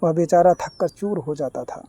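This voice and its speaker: Mellow, measured story narrator. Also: medium pitch, breathy edge, no echo. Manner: measured, formal storytelling with reflective asides.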